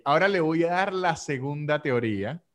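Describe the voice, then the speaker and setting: A man with a Venezuelan Spanish accent hosts a casual podcast chat. His voice sits a little high, and he jokes around and toys with pronunciations. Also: moderate pace. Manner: joking, animated, plays with pronunciations. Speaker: podcast host.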